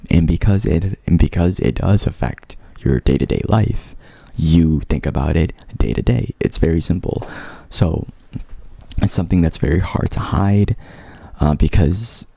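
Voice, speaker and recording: A young man who vlogs shares his own story to camera with earnest openness, his stutter causing him to repeat sounds and words. The voice is deep, creaky, and warm, with no echo present.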